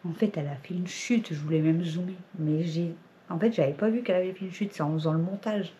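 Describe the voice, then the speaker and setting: A woman's voice: lowish voice, fast, dark tone, highs cut off, slight background noise. A woman chatting casually to her vlog viewers at home, rambling and laughing often. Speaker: family vlogger. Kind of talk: casual vlog chat to camera.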